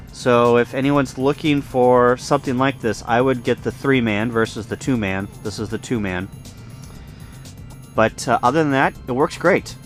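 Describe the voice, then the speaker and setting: At an outdoor campsite, a mid-pitched male ham radio enthusiast casually walks viewers through his setup for a video, unscripted and thinking aloud while he explains. A handheld camera mic captures him, with music playing behind.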